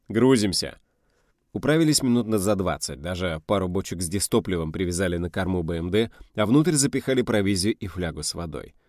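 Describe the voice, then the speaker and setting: A man narrating an audiobook in a steady, even storytelling manner. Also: sits low, no echo, clean studio sound.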